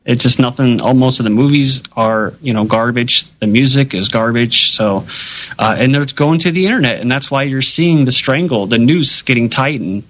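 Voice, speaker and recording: A man's voice: mid-range voice, expressive, moderate pace, fairly bright tone, poor audio. Man in casual, rambling conversation. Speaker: journalist.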